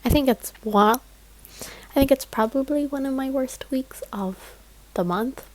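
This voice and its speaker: The audio is poor, but you can hear a young woman's high-pitched voice moving at a measured pace. She's a book vlogger casually rambling about her reading week, chatty, with lots of "like" and small, soft laughs.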